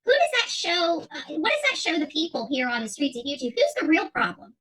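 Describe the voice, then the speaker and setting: A middle-aged channel host rants unscripted on a livestream, reading and answering viewer chat as she speaks emphatically and combatively, repeating her phrases. Her high, very animated voice is fairly quick and bright, with a little hiss or hum.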